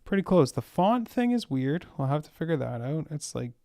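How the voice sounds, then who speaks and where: A man's voice: on the high side, very animated, moderate pace, gravelly, dark tone, dry recording, studio quality. A man casually thinking aloud as he writes code, rambling with fillers and exasperated laughs. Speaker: web developer coding on a live stream.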